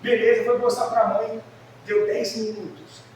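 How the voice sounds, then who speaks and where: A middle-aged man preaches with a strikingly high voice, swinging from shouts to hushed asides as he tells a family story. His voice rings through a very echoey church hall, picked up from some distance. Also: level tone, measured pace, slight background noise. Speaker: pastor. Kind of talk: sermon. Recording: echoey church sound from far off.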